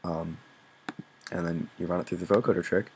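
With a low voice and fairly even intonation, a young man moves fairly quickly through a casual music production tutorial, with a faint hiss or hum in the background. He swears freely and makes fun of himself while explaining.

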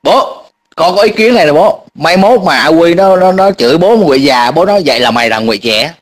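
A man's voice: on the high side, animated, quick pace. A man chatting casually as a co-host, mostly agreeing with and backing up the main speaker. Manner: agreeable, backs the other speaker up. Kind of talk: casual chat.

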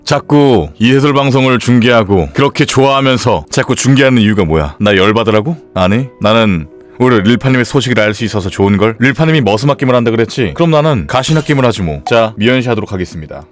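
A man's voice: mid-range voice, animated, fast talker, hardly any pauses, faint music behind. A man streaming live, chatting casually and joking in an absurd, rambling way. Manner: playful, absurd rambling jokes.

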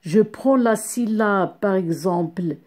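Slow, mellow-voiced woman teacher. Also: medium pitch. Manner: slow and deliberate, repeats each sound and syllable; encouraging, addresses pupils as "my dear ones". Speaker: primary school teacher. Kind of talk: slow classroom phonics lesson.

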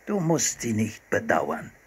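A calm, kindly old seal hunter explains patiently in an unhurried way, as a man reads him in a bedtime story. His voice is low and husky. The tone rises and falls gently as he explains. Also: full character voice.

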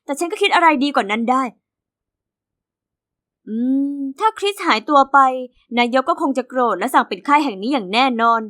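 A woman narrating as a cheeky teenage orphan girl in an animated diary story. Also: sits high, normal speed. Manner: lively, cheeky first-person storytelling.

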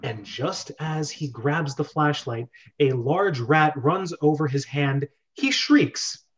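In a muffled recording, a man in his thirties with a slightly rough, somewhat high voice speaks slowly as he hosts a video-call script read-through from his bedroom, mixing screenplay directions with casual chat.

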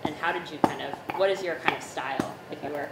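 A woman's voice: low voice, quick pace, heavy background noise. A woman in her thirties hosting a cooking chat, talking casually with many restarts, recorded by a far camera in a home kitchen. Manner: chatty, many likes and restarts. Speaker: host. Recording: distant echoey kitchen with loud clatter.

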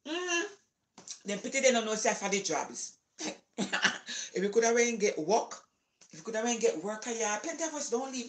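A woman's voice: high voice, roomy sound. An older woman with a Jamaican accent, chatting casually in her home kitchen as a cooking vlogger, slipping into patois and laughing often. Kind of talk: casual chat while cooking. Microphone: phone camera set on the counter.

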